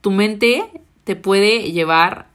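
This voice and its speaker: A woman's voice: medium pitch, drawn-out words. A young woman, co-hosting a casual chat, thoughtful and often searching for her words. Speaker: podcast co-host.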